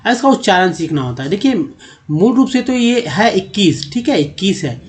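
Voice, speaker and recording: A man's voice: high voice, very animated, normal speed. A man, teaching a spoken English lesson for his channel. He explains step by step, repeats himself and checks in with the viewer.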